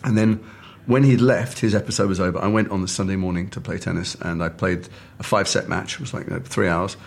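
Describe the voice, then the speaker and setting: A middle-aged man from England, an actor telling lively anecdotes over lunch and acting out the other people's lines. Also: low-pitched, quick pace, gravelly. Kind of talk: casual chat, animated anecdote. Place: restaurant table.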